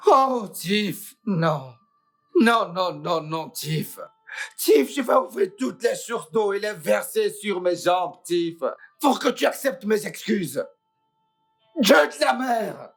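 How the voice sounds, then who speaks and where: A woman's voice: medium pitch, very animated, slow, gravelly, slightly rough, faint music behind, exaggerated voice. A woman dubbing a panicked young husband in a French film dub, groaning, pleading and exasperated. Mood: despairing.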